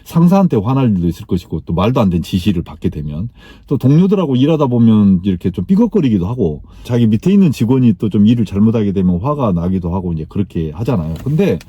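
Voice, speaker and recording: A man's voice: on the low side, fast talker, hardly any pauses, husky, no echo, highs cut off. A middle-aged man telling a workplace story in a talk and acting out the dialogue with energy. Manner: animated, acts out dialogue in his story. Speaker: speaker on workplace life.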